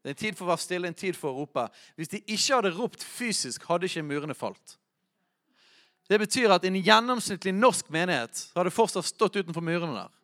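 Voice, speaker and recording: Man preaching with loud bursts. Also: high-pitched, lively intonation. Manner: preaching with bursts of shouting when quoting. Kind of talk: sermon.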